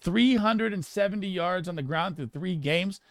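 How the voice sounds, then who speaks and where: A man's voice: high voice, fairly bright tone, no echo, clean studio sound. Emphatic fantasy football analyst man. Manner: emphatic, rapid, with filler restarts. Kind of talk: casual analysis monologue.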